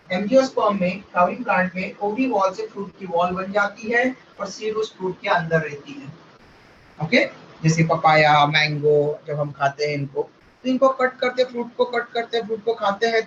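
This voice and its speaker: A man's voice: sits high, fairly bright tone, slight background noise. A male biology teacher giving a classroom lecture, explaining step by step, checking in with "ok?" and mixing English terms into his talk. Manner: mixes Hindi with English terms. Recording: roomy, distant, dull sound.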